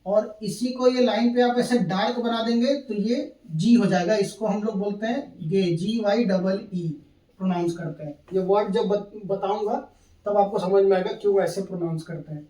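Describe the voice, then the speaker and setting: Male teacher, high-pitched, patient step-by-step lesson, roomy echo. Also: normal speed, dark tone. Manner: patient, repeats steps, keeps checking in with "thik hai". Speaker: shorthand teacher. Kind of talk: classroom lesson at a board. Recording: echoey room, mic at a distance.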